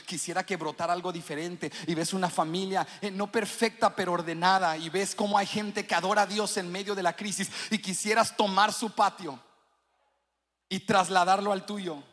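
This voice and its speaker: A male pastor preaching in a high, bright voice that carries through a large church with a long reverb. He swings between hushed, close passages and sung, shouted peaks. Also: steady tone, normal speed. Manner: preaching that swells into sung, shouted climaxes, then drops low. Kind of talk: sermon.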